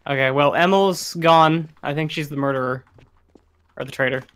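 A man's voice: on the high side, normal speed, a bit bright, smooth. A young man gaming online with friends over a headset mic, joking in a playful, self-mocking way. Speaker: gamer friend. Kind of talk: casual gaming chat.

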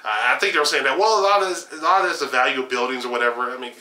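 Speaking at a racing pace in a medium-pitched voice, a young man gestures animatedly while offering sarcastic political opinions to camera. His small home room, lined with game shelves, sounds roomy with a little hiss or hum, and his speech is full of fillers and restarts.

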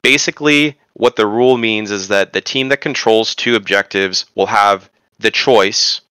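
A man's voice: lowish voice, normal speed, bright, forceful tone, clean tone, no room sound. A man giving an informal pre-game briefing as a tournament organizer, emphatic and often checking that he is understood. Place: indoors, online group voice chat.

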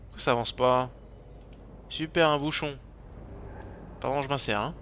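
A man's voice: medium pitch, normal speed, a little hiss or hum. Frantic swearing man over game sirens. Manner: frantic, swears a lot, repeats exclamations. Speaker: gaming YouTuber role-playing his character. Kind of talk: in-character game commentary. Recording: loud car and siren game sounds behind. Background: car engines and police sirens from the game.

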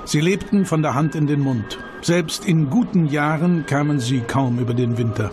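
With a fairly high-pitched voice, a man reads scripted documentary narration, using measured, dramatic phrasing and rhetorical questions. Background music accompanies him.

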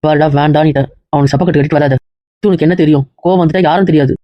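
A man's voice: a little high, fairly even intonation, very fast, no room sound, highs cut off, close to an everyday voice. A man playing an angry, protective older brother in an amateur family drama, speaking harshly and threateningly. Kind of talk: amateur web-series acting.

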